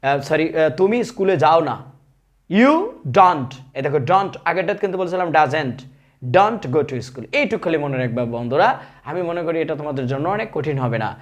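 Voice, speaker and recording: A man with a fairly high voice and a Bangladeshi accent teaches a spoken English lesson. He explains each grammar rule step by step and keeps quizzing his viewers with questions. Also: lively intonation, moderate pace.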